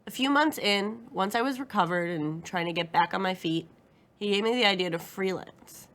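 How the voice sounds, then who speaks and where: A woman narrating a first-person crime story in a steady, matter-of-fact, wry way. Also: mid-range voice, normal speed.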